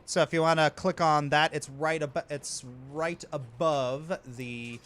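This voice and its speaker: Halting male game master, noisy recording. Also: on the high side, fairly even intonation, fairly bright tone. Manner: halting, backtracking. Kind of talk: casual tabletop game narration.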